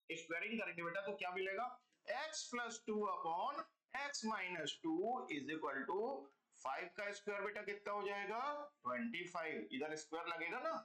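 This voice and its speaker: This man's voice is high and sharp, with a roomy sound around it. He teaches math online, walking through each step and repeatedly checking in with his students, calling them kids and addressing them as "beta" and "bachcho".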